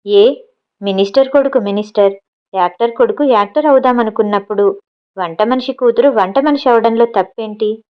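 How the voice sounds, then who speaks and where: A woman's voice: on the high side, moderate pace, clean tone, muffled recording, close to an everyday voice. A woman voicing a proud, educated young woman who works as a cook and answers back bluntly. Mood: defiant. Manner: cutting, matter-of-fact retorts.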